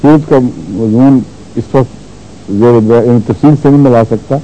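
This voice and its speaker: A man teaching Quran recitation rules, explaining patiently and repeating words slowly to show how they are pronounced. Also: mid-range voice, mellow, dull audio. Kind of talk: religious lesson on Quran recitation.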